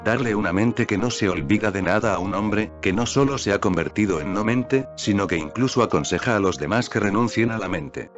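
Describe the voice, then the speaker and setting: A man reading a spiritual text aloud in a calm, measured voice-over. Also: lowish voice. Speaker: narrator. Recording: dull lo-fi voice-over with faint music.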